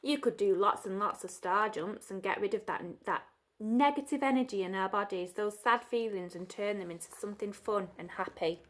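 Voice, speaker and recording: A woman, leading a gentle storytime lesson for young children, coaxing and asking them questions, sometimes dropping to a soft whisper. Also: medium pitch, moderate pace. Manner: sing-song, coaxing, asks children questions; drops to soft whispers at times.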